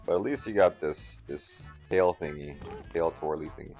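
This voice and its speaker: A man streaming a game, giving casual, excitable commentary while thinking aloud and reading chat. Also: rumbling low, moderate pace, faint music behind. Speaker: gaming streamer.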